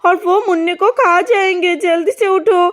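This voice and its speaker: A woman's voice: very high-pitched, unhurried, voice pushed up. A woman voicing a frightened little girl who keeps pleading urgently in a children's cartoon. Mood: scared pleading. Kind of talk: cartoon voice acting.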